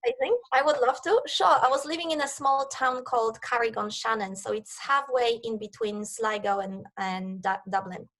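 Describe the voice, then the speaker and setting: Thirties woman with a Polish accent, eager and upbeat, a touch high-pitched. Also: normal speed, few pauses, fairly bright tone. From Poland. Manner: enthusiastic, eager. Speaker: guest, networking coach. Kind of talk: interview answers. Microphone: video call.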